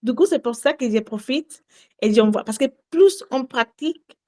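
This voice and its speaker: A woman's voice: high-pitched, animated, moderate pace, dark tone. A woman from Latin America, a native Spanish speaker with a Spanish accent, earnestly leading a casual sales training session and often repeating herself. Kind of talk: casual group training call.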